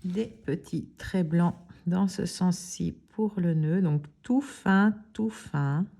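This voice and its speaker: Une femme qui anime un tutoriel de nail art et explique calmement chaque étape, avec des hésitations naturelles. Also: female voice, lowish voice, vocal fry. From Belgium. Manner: calm, unhurried, explains each step softly. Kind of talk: casual step-by-step demonstration.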